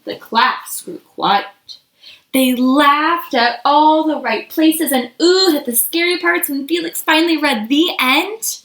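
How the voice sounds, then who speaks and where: A woman reads a children's picture book aloud expressively, asking questions of young listeners. Her high voice is slow and fairly bright, and the recording is in an echoey room.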